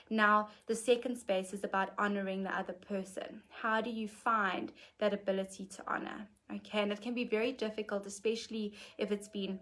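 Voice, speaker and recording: Earnest woman teaching gently on a live stream. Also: mid-range voice. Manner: gentle, earnest, often says "okay". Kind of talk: reflective teaching talk.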